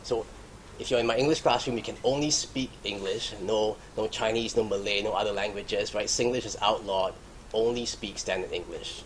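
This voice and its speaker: A man with a Singaporean accent giving an academic lecture in a halting way, restarting phrases and often checking in with the audience. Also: fairly low pitch, a little hiss or hum, poor audio. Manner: halting, with repeated starts and frequent check-in "right?".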